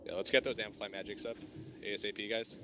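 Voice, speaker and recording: Fast-talking man leading a noisy game raid. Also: lowish voice, level tone. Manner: urgent, repeats short commands. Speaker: raid leader in an online game. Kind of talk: live voice-chat callouts to teammates. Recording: noisy gaming voice chat.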